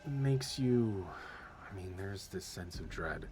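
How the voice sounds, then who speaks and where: Deep-voiced man narrating a tabletop game. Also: expressive, slow pace, background noise. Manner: loose, hesitant narration with restarts. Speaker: game master. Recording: music playing behind.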